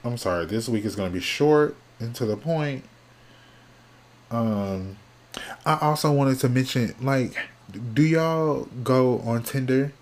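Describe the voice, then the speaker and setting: A man hosting his own podcast alone, chatting casually and sassily from topic to topic, sounding sleepy and yawning, often trailing off into quiet mumbles. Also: mid-range voice, unhurried. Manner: chatty, sassy, drifting between topics. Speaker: podcast host. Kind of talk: casual solo podcast chat.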